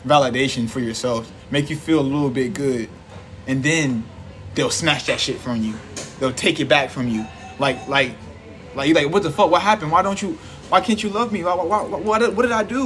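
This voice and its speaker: On a livestream, a man delivers a casual, preachy monologue, laughing often and repeating himself. His voice is medium-pitched, and a little hiss or hum can be heard.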